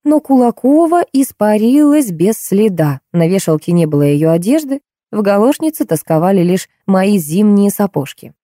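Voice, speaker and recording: Mellow-voiced woman reading an audiobook. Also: medium pitch, moderate pace, hardly any pauses, no room sound, clean studio sound. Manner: expressive, animated reading. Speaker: audiobook narrator. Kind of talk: first-person audiobook narration.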